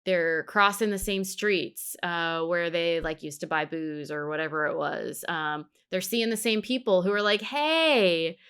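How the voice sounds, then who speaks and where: A woman's voice: fairly low pitch, moderate pace, few pauses, fairly bright tone, smooth. A woman co-hosting a podcast, talking casually and thinking aloud as she discusses a show. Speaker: podcast co-host. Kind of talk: casual discussion of an animated series.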